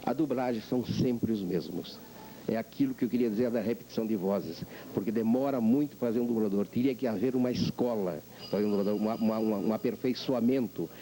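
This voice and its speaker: An older man, a veteran voice actor, being interviewed and telling animated stories about his craft. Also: mid-range voice, slight background noise, low-quality recording. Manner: animated storyteller, acts out voices. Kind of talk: reflective interview talk.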